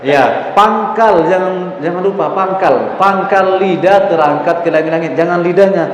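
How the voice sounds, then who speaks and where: A high-voiced man at a moderate pace teaches Quran recitation in a mosque hall, patiently coaxing students through pronunciation drills and modeling the sounds himself. The recording carries the hall's echo and a faint ambience.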